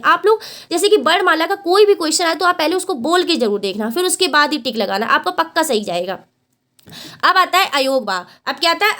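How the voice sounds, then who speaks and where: A woman with a high, slightly bright voice leads a Hindi exam-prep class. She demonstrates vowels by drawing them out, asks questions and answers them herself, repeats each point, and calls her students "beta" often.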